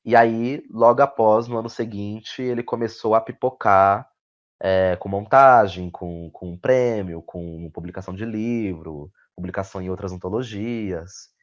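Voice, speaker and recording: Speaking with a Brazilian Portuguese accent, a man reflects thoughtfully as an interview guest, frequently repeating words and tacking on tag questions. His voice is on the low side and unhurried, and the audio sounds dull and lo-fi.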